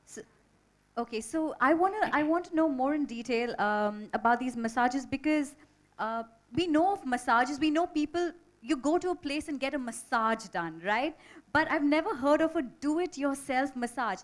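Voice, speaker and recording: A woman with a high voice hosts a launch event on an indoor stage, bubbly and effusive with praise. She speaks into a handheld mic. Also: expressive, moderate pace. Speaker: event host.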